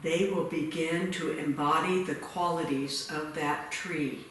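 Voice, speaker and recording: A man guiding a meditation in a retreat room, giving slow, soft-spoken instructions. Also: a little high, fairly even intonation. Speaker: meditation leader. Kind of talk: guided meditation. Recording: echoey room, distant mic, faint hiss.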